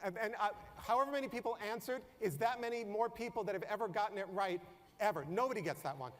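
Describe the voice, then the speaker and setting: A man with a high, light voice gives a humorous storytelling talk to a conference audience. He is animated and keeps firing questions at the crowd. His voice rings with the long reverb of a large hall. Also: fast talker. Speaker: conference speaker. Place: conference room before an audience.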